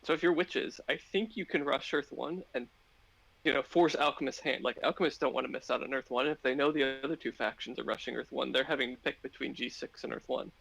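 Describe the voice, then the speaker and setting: A man's voice: mid-range voice, brisk, vocal fry, fairly bright tone, low-quality recording. A man talking through board game strategy on a live stream, thinking aloud with many fillers and restarts.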